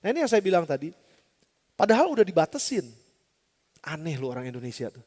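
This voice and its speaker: Brief: lively male pastor, high-pitched and animated, preaching a storytelling sermon in a large, reverberant church hall. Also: fast talker. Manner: lively storytelling with rhetorical questions.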